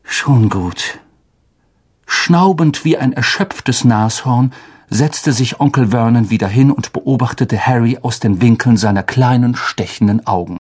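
A man reading a story aloud as an expressive audiobook narrator. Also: mid-range voice, normal speed, husky. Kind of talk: scripted narration.

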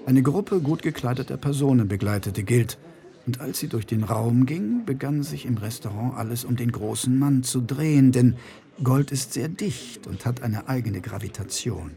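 A man narrating an audiobook in an expressive, wry storytelling manner. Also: mid-range voice, normal speed, creaky. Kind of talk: scripted narration.

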